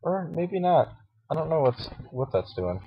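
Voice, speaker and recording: A man with a groggy morning voice, talking through a software tutorial casually and hesitantly, with many fillers and restarts. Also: a little high, sing-song, a little slow. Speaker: tutorial host. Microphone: cheap computer microphone. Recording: dull lo-fi mic with faint hiss and mouse clicks.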